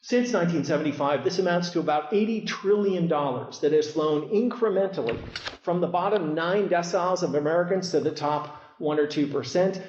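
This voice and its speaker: High-voiced man speaking on a muffled, echoey low-quality stream. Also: a little fast, darkish tone, slight background noise. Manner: emphatic, repeats words when starting. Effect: low-quality live stream recording. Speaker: conference speaker. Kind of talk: public speech at a conference. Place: conference hall. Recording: echoey, muffled hall recording.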